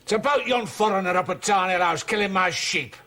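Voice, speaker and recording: An actor playing an aggrieved older sheep farmer, blunt and resentful, in a British TV police drama. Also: male voice, high-pitched, fairly quick, bright, forceful tone.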